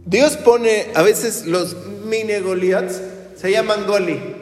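A man with a high, bright preaching voice delivers an animated sermon. He tells stories and acts out the voices of the people he quotes. The sound is roomy, with a long tail of reverb from a big hall. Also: slow pace, faint music behind. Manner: lively storytelling, acting out quoted people. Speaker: pastor.

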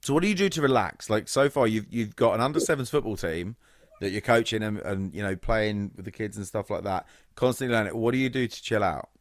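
A man's voice: lowish voice, a little fast, dry recording, studio quality. A man hosting a casual conversational interview, phrasing his questions informally and a little hesitantly. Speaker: interviewer, podcast host.

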